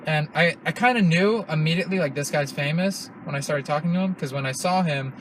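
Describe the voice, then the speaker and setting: A man's voice: on the high side, a little fast, a bit bright, a little hiss or hum, rough recording. A young man hosting a podcast in casual chat, rambling and cursing with many restarts. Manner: rambling, profane, restarts often. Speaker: podcast host.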